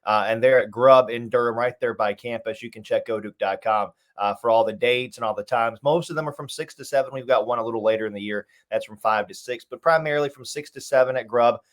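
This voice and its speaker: Speaking as a sports announcer and interview guest, a man talks conversationally and at length, repeating and listing points for emphasis. His mid-range voice moves at a quick pace with hardly any pauses.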